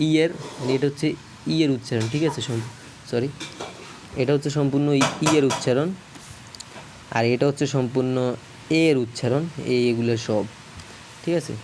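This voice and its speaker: A man giving a casual video lesson, talking haltingly, correcting himself often and checking for understanding. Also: medium pitch, fairly even intonation, noisy background. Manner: halting, frequent self-corrections and apologies. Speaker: teacher.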